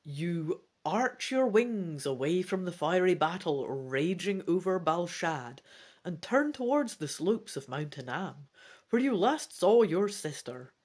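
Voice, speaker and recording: Speaking slowly in a fairly low register, this woman performs a gamebook reading with drama and expression. She plays along as she goes, adding offhand remarks in a theatrical manner.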